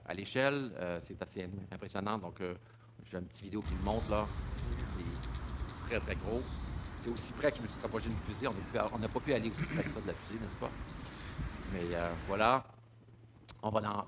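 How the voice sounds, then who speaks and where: A man's voice: fairly low pitch, expressive, moderate pace, background noise. A man giving a public talk, stumbling over repeated words and fillers. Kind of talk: public lecture with slides.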